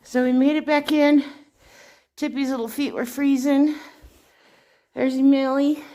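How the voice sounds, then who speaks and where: A woman vlogging around her snowy farm outdoors in a chatty way, switching to high sing-song baby talk for her animals. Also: fairly even intonation, unhurried, dark tone. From Colorado. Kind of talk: casual vlog narration.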